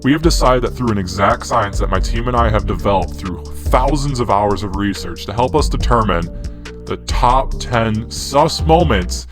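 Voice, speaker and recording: A man's voice: on the low side, a little fast, few pauses. A man narrating a scripted top ten countdown, mock-serious with crude humor. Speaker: video narrator. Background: background music.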